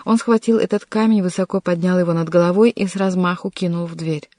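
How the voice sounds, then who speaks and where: An audiobook narrator reading a historical adventure novel in an even, measured way. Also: mid-range voice, dry recording. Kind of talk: scripted narration.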